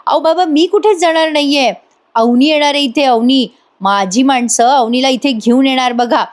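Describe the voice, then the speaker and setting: A woman voicing a boastful, scheming young man who insists loudly on his plans. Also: sits high, normal speed, voice pushed up, lightly acted.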